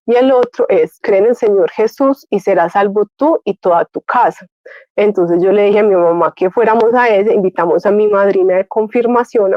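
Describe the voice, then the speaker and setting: A woman giving a personal faith testimony, telling it as a lively story and acting out what she and others said. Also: medium pitch, no room sound. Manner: animated storytelling, acts out her own past words. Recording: dry, dull lo-fi sound.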